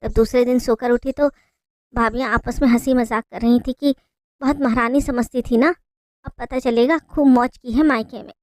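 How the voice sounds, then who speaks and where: A woman narrating a heartfelt family story in the first person, in a plaintive, expressive way. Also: a little high, moderate pace, dry recording.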